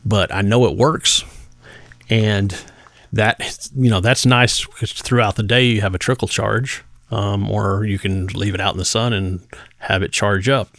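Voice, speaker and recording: This gadget reviewer is a man giving an easygoing product demo, his speech hesitant and broken by mid-phrase pauses. His lowish voice holds a steady, fairly bright tone on a dry recording.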